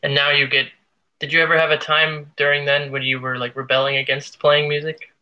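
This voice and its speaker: A man's voice: on the high side, level tone, a little fast, pushed and bright, highs cut off. A man hosting a casual interview, asking long, curious questions. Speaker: interviewer, tango dancer.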